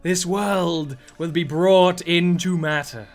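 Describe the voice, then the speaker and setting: A man's voice: high-pitched, slow pace, music in the background. A man voicing a zealous elf sorceress villain in a tabletop game, solemnly pronouncing her doctrine.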